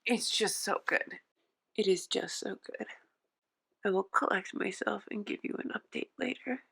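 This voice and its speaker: A woman's voice: mid-range voice, measured pace, creaky, a bit bright, husky. A woman book vlogger crying as she casually shares her reaction to what she is reading.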